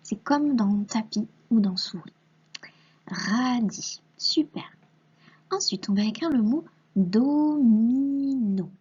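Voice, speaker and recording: A woman teacher giving a recorded reading lesson to a young child, patiently sounding out syllables and letters and often dropping to a soft half-whisper. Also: fairly high pitch, animated, moderate pace, breathy edge, highs cut off.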